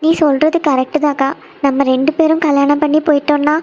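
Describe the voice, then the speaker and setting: A caring cartoon little sister, played by a woman, anxiously pressing with question after question. Her voice is pitched high, and the sound is muffled and dull, like a lo-fi recording. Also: level tone, brisk, a little mellow, natural voice. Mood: concerned. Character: caring younger sister, young office worker.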